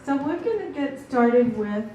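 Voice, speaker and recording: A woman's voice: sits high, lively intonation, a little slow, warm tone. A woman moderating a seminar, chatty, with many fillers and restarts, recorded from far off in a meeting room. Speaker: event moderator. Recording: very echoey room from far off, faint noise.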